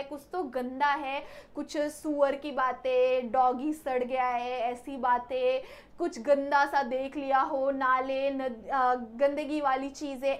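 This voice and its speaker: A young woman teaching an exam-prep grammar lesson, asking her students questions and answering them herself, with English words mixed in. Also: sits high. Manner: repeats "ठीक है" often, mixes English words in.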